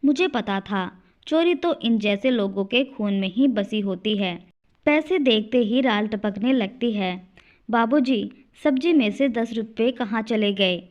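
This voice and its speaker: A woman's voice: a little high, animated, unhurried, a little mellow, highs cut off. A woman doing a harsh scolding daughter-in-law. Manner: scolding, contemptuous.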